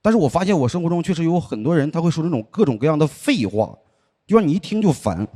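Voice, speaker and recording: Man doing lively stand-up comedy. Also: on the high side, quick pace. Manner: deadpan storytelling, acts out quoted people. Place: comedy show stage with live audience. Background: audience laughter.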